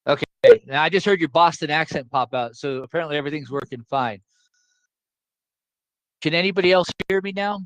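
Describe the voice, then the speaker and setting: A man's voice: a little high, brisk, pauses often, fairly bright tone, clean tone, dry recording, poor audio. A man teaching a class over a video call, explaining in a casual, joking way and repeating his points to keep them simple. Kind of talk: casual online class lecture.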